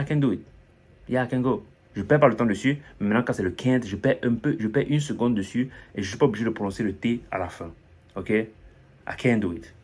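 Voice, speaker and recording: A man's voice: lowish voice, darkish tone. A man giving a casual pronunciation lesson, chatty, repeating example phrases and asking for agreement. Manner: chatty, repeats example phrases, says "n'est-ce pas" often. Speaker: English pronunciation teacher.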